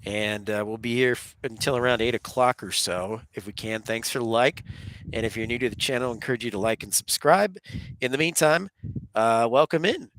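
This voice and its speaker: Broadcasting live from an airport, a plane-spotting host welcomes viewers and chats casually, his voice congested from a cold and sore throat. It is medium-pitched and fairly bright, and he talks fairly quickly on a rough recording.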